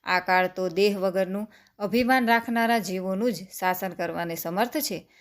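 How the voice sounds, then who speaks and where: A woman narrating a devotional scripture text in a steady recitation, slowing down for long lists of names. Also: medium pitch. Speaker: scripture reader.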